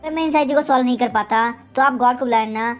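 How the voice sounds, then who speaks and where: A woman's voice: on the high side, very fast, faint music behind, close to an everyday voice. A woman voicing a male emperor who soothes an honored guest and orders his servants about. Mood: soothing. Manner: soothing yet commanding. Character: placating middle-aged male emperor, commanding.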